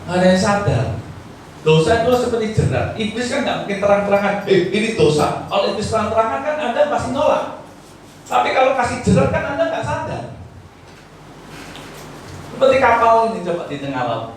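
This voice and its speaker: A man preaching a sermon as pastor, exhorting and acting out prayers, his voice swinging from loud to hushed. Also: high-pitched, lively intonation, brisk, pauses often, a little hiss or hum. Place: church hall. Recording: echoey hall, voice from far off.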